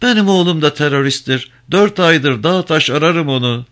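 A woman's voice: low voice, animated, moderate pace, voice pushed up. A man voicing a poor barefoot old village woman in her fifties who is searching for her son, speaking in an earnest, pleading way in a storybook reading. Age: 50s.

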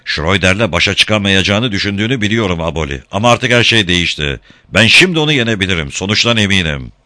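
A man's voice: sits low, expressive, quick pace, pushed and bright, no room sound. A man doing a cold, determined young captain. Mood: stern. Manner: hard, resolute. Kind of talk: audiobook character voice.

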